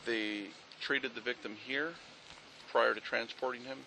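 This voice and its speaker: A man's voice: medium pitch, creaky, pushed and bright, a little hiss or hum, rough recording. A man, a police officer, giving a methodical, factual incident briefing outdoors at a street scene, with frequent fillers.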